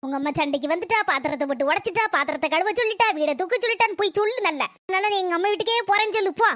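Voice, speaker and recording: Someone playing a shrill grumbling mother-in-law. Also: lively intonation, racing, fairly bright tone, no room sound, studio quality. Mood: quarrelsome. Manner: nagging, sarcastic complaints. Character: elderly grumbling mother-in-law, quarrelsome and self-pitying.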